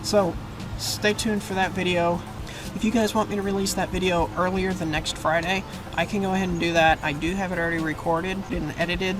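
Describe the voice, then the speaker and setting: Over background music, a how-to channel host works in or next to a parked vehicle, explaining each step casually and musing aloud as he goes. He has a high, level voice and a brisk delivery that barely pauses.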